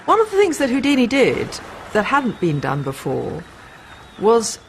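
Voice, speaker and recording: A woman's voice: a little high, huge pitch swings, unhurried, a faint crowd, slight background noise. A woman explaining magic history emphatically in a documentary interview.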